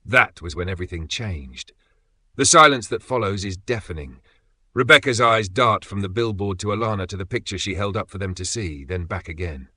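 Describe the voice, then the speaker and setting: A man narrating a dramatic story in a steady, measured way with pauses for effect. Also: low voice, no room sound.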